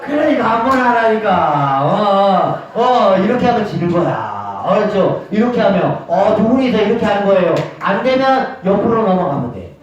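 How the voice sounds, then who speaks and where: Man, recreation instructor, high voice, brisk repeated cues, distant mic, very echoey room. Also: sing-song, some chatter behind. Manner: brisk, repetitive coaching, calling out cues. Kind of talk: leading a group game for seniors. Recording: echoey dull room from far off.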